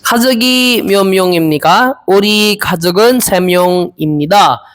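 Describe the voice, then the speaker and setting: A young man in his twenties from the Philippines, practicing Korean interview answers aloud, hesitant and repeating each phrase slowly. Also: high voice, fairly bright tone. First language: Filipino. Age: 20s. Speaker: Korean language learner.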